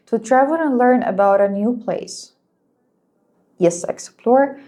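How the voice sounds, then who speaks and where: A woman whose first language is Arabic teaching an English lesson, speaking slowly and clearly and praising her students. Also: on the high side, animated, mellow. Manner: patient, encouraging, slow and clear, explains in Arabic too.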